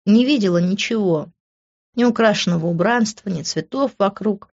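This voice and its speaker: Female audiobook narrator, mid-pitch, emotional first-person reading; dull lo-fi sound. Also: moderate pace, a little mellow. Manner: emotional, dramatic.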